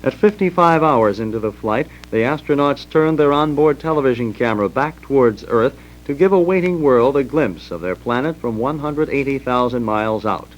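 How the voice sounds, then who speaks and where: A man's voice: mid-range voice, animated, slight background noise. Formal American male narrator, dull vintage recording. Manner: formal, measured announcing. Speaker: documentary narrator. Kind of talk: scripted historical narration.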